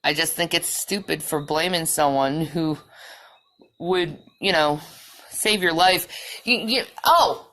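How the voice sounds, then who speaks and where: Woman vlogger, profane heated rant, slow delivery, sharp bright tone. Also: low-pitched. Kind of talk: ranting monologue.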